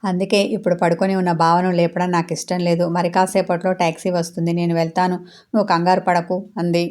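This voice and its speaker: Brief: woman playing a hurt young heroine, halting, low flat voice, storybook. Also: close to an everyday voice. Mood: explaining.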